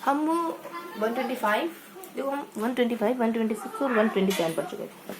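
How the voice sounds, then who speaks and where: A woman's voice: on the high side, fast talker, noisy background. A woman teacher giving an online exam-prep lesson, telling motivational stories in a chatty way and often adding tag questions. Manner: conversational, frequent tag questions; motivational storytelling.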